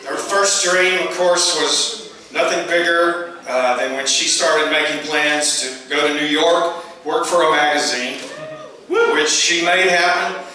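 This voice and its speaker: Echoey, bright-voiced father of the bride speech. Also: on the high side, steady tone. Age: middle-aged. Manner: halting, with pauses between short phrases. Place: large room at a wedding reception. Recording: echoey, noisy reception room, far from mic.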